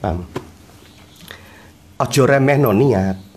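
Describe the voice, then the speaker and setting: Speaking slowly in a medium-pitched voice against a noisy background, a male cleric delivers a funny sermon lesson on a religious text at a religious study gathering. He tells his stories with animation, performing each character's lines, and the audience laughs often.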